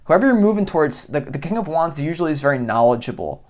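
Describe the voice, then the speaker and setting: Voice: medium pitch, big pitch swings, fast talker, a little mellow. A tarot reader giving a casual, goofy reading to camera, rambling and talking in loose, chatty asides.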